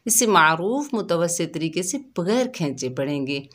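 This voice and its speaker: A woman teaching children to read Quranic letters, speaking patiently and sounding out each syllable slowly. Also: on the low side, expressive, a bit bright. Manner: drawn-out syllable drills, spelling each letter then sounding it; patient, addresses listeners as dear children. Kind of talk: slow, careful recitation lesson for children.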